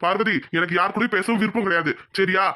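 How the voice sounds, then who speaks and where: A proud, tight-fisted village father in a cartoon, scolding his family about his hard-earned wealth, as a man acts him out. His voice is high and bright, and the words come fast in a sharp, lecturing tone. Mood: angry. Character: stern proud village father, harsh and miserly. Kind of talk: cartoon voice acting.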